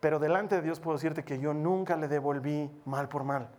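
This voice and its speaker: A man's voice: a little high, fairly even intonation, a little fast, darkish tone. A male preacher exhorting his congregation, illustrating his sermon with personal stories. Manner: exhorting, storytelling with mimicry.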